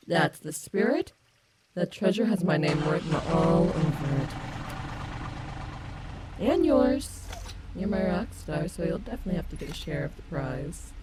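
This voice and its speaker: Woman doing a cocky robot wolf girl for an asmr roleplay, playful n sweet, talks slow, noisy outdoor ambience behind. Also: low voice, expressive. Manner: cocky, teasing, tender. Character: confident, playful, affectionate female animatronic wolf. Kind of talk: ASMR audio roleplay, companionable acting.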